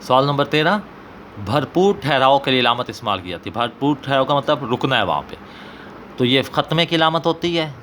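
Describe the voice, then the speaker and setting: A man with a Pakistani Punjabi accent, an Urdu teacher working through an exam paper and slowly repeating example sentences. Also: mid-range voice, lively intonation, fairly bright tone, slight background noise.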